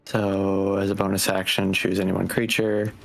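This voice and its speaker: Very low, gravelly-voiced tabletop player. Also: level tone, normal speed, faint music behind. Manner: matter-of-fact rules explanation. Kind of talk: casual tabletop play.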